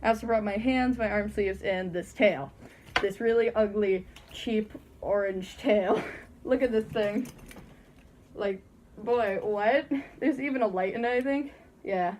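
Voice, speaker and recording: A woman's voice: mid-range voice, a little slow, darkish tone, a little hiss or hum. A teenage girl casually telling a story from her bedroom while wearing a costume head, chatty and giggly, acting out the people she quotes. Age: teens. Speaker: vlogger.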